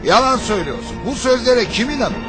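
An actor playing an indignant loyal believer in a historical drama, challenging others in an accusing, emphatic manner. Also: male voice, medium pitch, sing-song, normal speed, over music, lightly acted. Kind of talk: dubbed historical drama acting.

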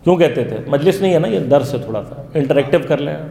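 A man's voice: a little high, animated, gravelly, warm tone. A man teaching an interactive religious lesson to a class. He poses questions to his listeners and then answers them himself. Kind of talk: interactive lecture. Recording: echoey hall with long reverb.

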